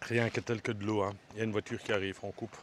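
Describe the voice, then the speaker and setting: Out on a ridge path, this travel vlogger talks quickly in a fairly low, level voice, with slight background noise. He's hot and winded as he walks, keeping it casual and jokey and speaking directly to his audience.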